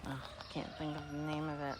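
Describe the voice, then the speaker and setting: A woman's voice: sits low, level tone, a little fast, background noise. A woman giving a casual, rambling tour of her garden, musing aloud and trailing off mid-sentence. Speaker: garden vlogger. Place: outdoor garden.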